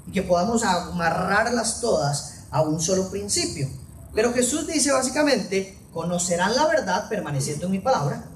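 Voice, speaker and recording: A preacher delivers a sermon in a lively, animated voice, dropping into soft low asides before rising to stressed, emphatic phrases. The voice reaches the mic from a distance, carrying a roomy church-hall echo, and faint background noise sits underneath. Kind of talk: sermon on a Bible passage.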